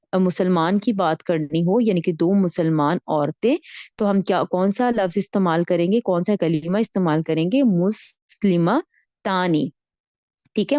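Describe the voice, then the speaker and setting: A woman's voice: on the low side, dark tone, dry recording, dull audio. A woman teaching Arabic grammar in a patient way, often repeating herself and checking that her students follow. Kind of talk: online Arabic grammar lesson in Urdu.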